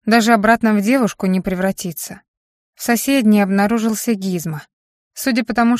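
A woman narrates a first-person fantasy audiobook, telling the story expressively. Her voice sits at a middle pitch for a woman. The recording is dry and close, with no room sound. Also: no room sound.

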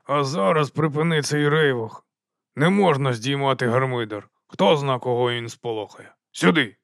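A shabby old watch corporal who mumbles, wheezes and grumbles in a hushed, furtive voice, as a man puts him on for a storybook. It sits close and dry on the mic. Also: medium pitch, moderate pace, vocal fry, dry recording, lightly acted. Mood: grumbling. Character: scruffy, wheezing, shifty older night-watch corporal.

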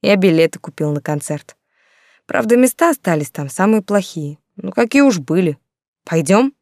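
A woman reading an audiobook, voicing a grown man who apologizes calmly and with restraint. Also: fairly low pitch, normal speed, no echo, studio quality. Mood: restrained. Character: calm grown man, gently apologetic lover. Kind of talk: audiobook dialogue.

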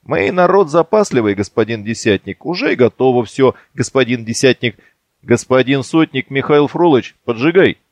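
A man's voice: mid-range voice, animated, moderate pace, no echo, natural voice. A man voicing a male joker who mimics boys in a mocking, sing-song way.

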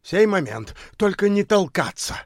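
Male reader as a jovial talker, raised and loud, joking banter. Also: medium pitch, very animated, a little slow, no echo, clean studio sound. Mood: shouting. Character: chatty jovial man handing out cures.

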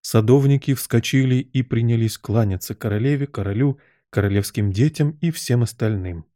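A man reads a storybook aloud at a steady, even pace. His voice is dark and mellow, recorded dry and close with no room sound. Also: mid-range voice, normal speed, no room sound. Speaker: audiobook narrator. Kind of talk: storybook narration.

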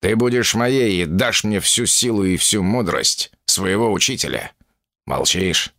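A man's voice: lowish voice, unhurried, a bit bright, no echo, studio quality. A man voicing a gloating, menacing male demon villain in an audiobook, speaking with a sneer.

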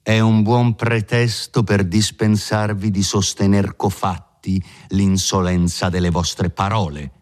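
A man voicing a proud man defending his honor, answering in a defiant, slow, deliberate way. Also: lowish voice, level tone, a little mellow, close to an everyday voice. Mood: defiant, cold.

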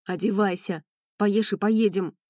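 A woman voicing a stern, gruff bearded man who speaks in curt commands, in an audiobook. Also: on the low side, a little fast, dark tone, dry recording, clean studio sound, close to an everyday voice.

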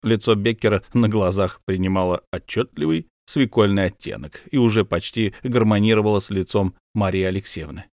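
Dry, measured male audiobook narrator. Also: lowish voice, a little mellow, no room sound. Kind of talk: scripted literary narration.

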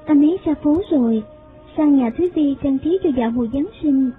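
A frail, sickly young daughter played by a male narrator who speaks softly and tearfully in a very high falsetto. The sound is thin and phone-like, with faint music underneath. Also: fairly quick. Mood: sorrowful pleading. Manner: soft, tearful, pleading. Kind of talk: audiobook character voice.

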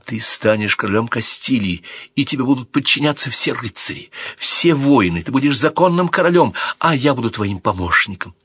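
A man's voice: mid-range voice, expressive, normal speed, hardly any pauses, fairly bright tone, slightly rough, no echo, studio quality, voice pushed up. A man voicing a stern, proud princess who speaks in a cold, icy and commanding way. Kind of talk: audiobook character voice.

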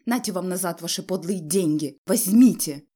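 Brief: a woman playing a proud, quick-tempered young man, breathless and strained, storybook reading. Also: on the low side, warm tone, lightly acted. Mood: shouting. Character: hot-tempered young male student, the son.

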